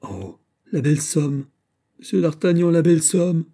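A man doing a fretful, excitable grocer. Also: a little high, measured pace, voice pushed up. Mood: fretful, overjoyed. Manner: fretful, fussing, easily overwhelmed. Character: timid excitable shopkeeper, a grocer and former servant.

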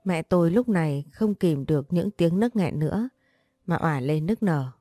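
A woman narrating a sad family story in the first person, reading softly with emotion. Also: on the low side, expressive, normal speed, dry recording, clean studio sound, soft background music.

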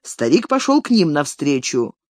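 A narrator reading a classic literary story aloud in an expressive audiobook style. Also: medium pitch, normal speed, no room sound, studio quality. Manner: expressive, varied intonation.

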